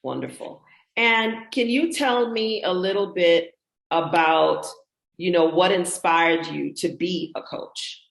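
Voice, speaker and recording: A woman's voice: fairly low pitch, slow, vocal fry, reverberant, rough recording. A woman hosting an interview show, friendly, with short affirmations. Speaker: podcast host, HR consultant.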